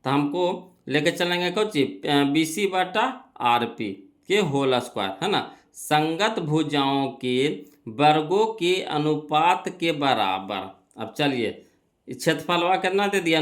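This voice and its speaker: A man's voice: a little high, lively intonation, unhurried, a bit bright. A young man teaching an exam-prep math lesson, working through problems step by step, asking and answering his own questions and repeating key phrases.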